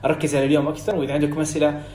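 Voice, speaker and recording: A young man from Saudi Arabia with a Hijazi accent, coaching in an energetic, encouraging, casual teaching way. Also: a little high, rapid-fire. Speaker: English speaking coach. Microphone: phone video story. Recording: roomy echo, faint room hiss.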